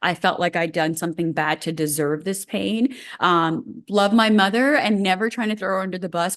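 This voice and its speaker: A woman with a slightly low-pitched voice tells her story as a doctor guest in an interview. She talks fast and emphatically, with lots of energy. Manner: animated, quick, emphatic. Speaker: guest functional medicine doctor.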